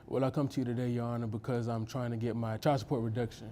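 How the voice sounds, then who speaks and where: A man's voice: mid-range voice, little pitch movement, fast talker, mellow, a little hiss or hum. A man in his thirties giving testimony in a courtroom, hesitant, repeating words and filling gaps with "um". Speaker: litigant in a TV court case.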